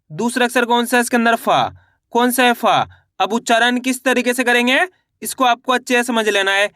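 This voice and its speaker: Bright, crisp man teaching reading. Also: very high voice, no room sound, studio quality. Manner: patient, repetitive drilling with call-and-repeat prompts. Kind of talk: online lesson, sounding out letters.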